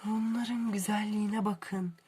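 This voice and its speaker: A woman's voice: medium pitch, fairly even intonation, measured pace, dark tone. A young woman unboxing books in a vlog, gushing and exclaiming over every detail. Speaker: book vlogger. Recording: clear background noise.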